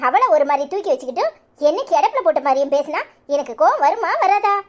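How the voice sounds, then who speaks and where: A quarrelsome young wife from a cartoon serial, voiced by a woman. She scolds and threatens in a Kanyakumari Tamil accent, her voice pitched extremely high and thin. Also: very animated, fast. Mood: aggrieved. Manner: scolding, combative. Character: sharp-tongued young wife fighting her co-daughter-in-law.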